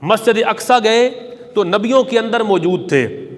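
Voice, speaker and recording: High-voiced preacher in an echoing hall. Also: male voice, animated. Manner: reverent storytelling, recites Arabic hadith. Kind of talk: Friday sermon.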